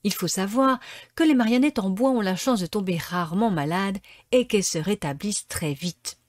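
A woman reading a children's tale aloud in a calm, expressive storytelling manner. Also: mid-range voice, moderate pace, dry recording.

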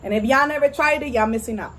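A woman's voice: a little high, fast, a bit bright. A young woman hosting her channel, chatting in a slangy, laid-back way while eating with friends. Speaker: channel host. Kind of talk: casual mukbang chat.

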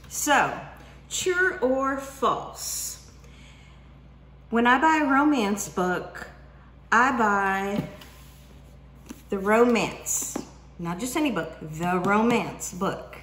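Speaking to camera about books from her home kitchen, a woman in her 40s who vlogs about reading chats casually and stretches out her questions playfully. She has a mid-range, slightly bright voice, recorded by a camera at desk distance with roomy kitchen echo.

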